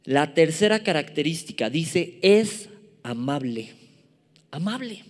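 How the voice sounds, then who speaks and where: A man's voice: on the high side, very animated, slow pace. A man in his thirties with a Mexican Spanish accent, preaching a sermon with emphatic repetition and playful asides to the congregation. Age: 30s. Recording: long hall reverb.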